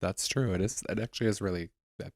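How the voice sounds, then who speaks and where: A man with a very deep voice, co-hosting a casual podcast. He speaks in a laid-back, deadpan manner. The sound is dry and close. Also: fast, no echo. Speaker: podcast co-host. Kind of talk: casual chat.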